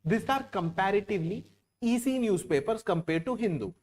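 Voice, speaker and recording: A man's voice: high voice, expressive, fairly quick, darkish tone. A man from Kerala with a Keralite Indian English accent giving a classroom lecture as an exam coaching teacher, repeating phrases with many "uh" and "like" fillers.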